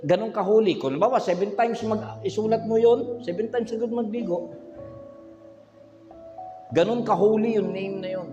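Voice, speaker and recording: A man preaching a sermon at a livestream, teaching by spelling out letters and quizzing the congregation. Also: very high-pitched. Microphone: handheld microphone. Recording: echoey hall, dull lo-fi sound.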